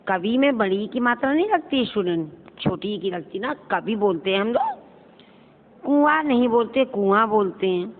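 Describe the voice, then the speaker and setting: A woman's voice: medium pitch, expressive, moderate pace. A woman teacher giving a grammar lesson, reading out words in wrong and right forms and checking whether the students follow. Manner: drills word pairs, wrong then right, with questions to students. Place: school classroom. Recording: tinny phone-like sound with long hall reverb.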